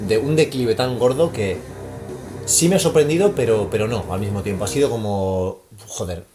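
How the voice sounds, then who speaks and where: Man, 40s, Spain accent, podcast guest; emphatic and profane, low pitch, clear music bed behind. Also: moderate pace. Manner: emphatic, swears freely. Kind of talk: casual music chat.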